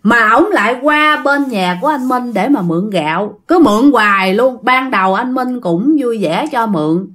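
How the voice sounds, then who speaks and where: A woman's voice: fairly high pitch, lively intonation, moderate pace, hardly any pauses, a bit bright. A woman with a Southern Vietnamese accent telling a ghost story casually, talking straight to her listeners with lots of fillers. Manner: chatty, addresses listeners directly, many fillers.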